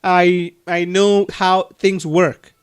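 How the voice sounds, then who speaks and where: A man with a Cameroonian accent, talking earnestly on a video call, with frequent restarts and soft laughs. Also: sits high, little pitch movement, slow pace, smooth. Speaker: adoption agency leader. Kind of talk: casual video call conversation.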